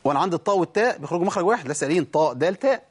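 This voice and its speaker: A man's voice: high voice, animated, very fast, slightly rough. A man with an Egyptian Arabic accent teaching Quran recitation rules, asking and answering his own questions and demonstrating sounds. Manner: demonstrates pronunciation. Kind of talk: tajweed lesson.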